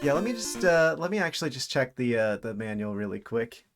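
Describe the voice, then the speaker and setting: Male streamer, mid-pitched, casual off-the-cuff gameplay commentary with hesitant thinking aloud, game soundtrack audible behind. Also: very animated, brisk. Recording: video game music behind voice. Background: video game music.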